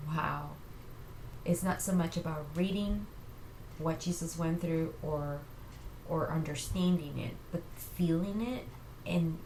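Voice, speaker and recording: A woman giving an earnest, halting personal faith testimony to camera, tearful and sounding like she has just been crying. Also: low-pitched, darkish tone. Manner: earnest, halting, reassuring listeners. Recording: echoey room with faint noise.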